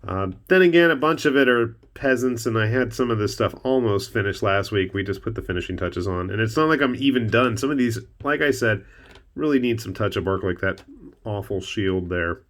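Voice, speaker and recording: A man's voice: on the low side, lively intonation, a little fast, fairly bright tone. A man hosting a casual show-and-tell of his painted miniatures, chatty with wry asides. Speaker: miniature painting channel host.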